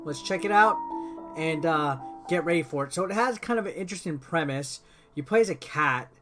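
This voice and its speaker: A man with an animated, fairly bright voice on the high side talks a little fast. He hosts the video with informal, digressive gameplay commentary, going step by step, while game music plays.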